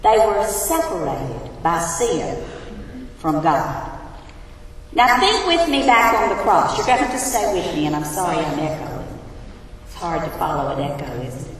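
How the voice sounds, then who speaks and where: A woman's voice: on the low side, big pitch swings, a little slow, far from the mic, slight background noise. A woman teaching a sermon who asks her congregation questions, her voice echoing around a big hall. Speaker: Bible teacher. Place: large hall.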